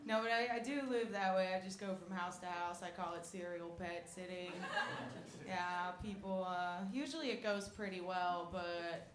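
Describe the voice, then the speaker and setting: Young female stand-up comic, self-mocking and deadpan, live club sound with room echo. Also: lowish voice, moderate pace. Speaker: stand-up comedian. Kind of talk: stand-up comedy set. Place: comedy club stage with audience. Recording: echoey room with audience noise.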